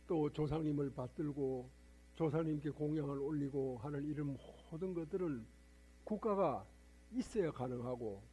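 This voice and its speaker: A man's voice: fairly high pitch, warm tone, husky. An older man, a Buddhist monk, preaching a sermon to a temple congregation, lecturing and firing rhetorical questions at his listeners.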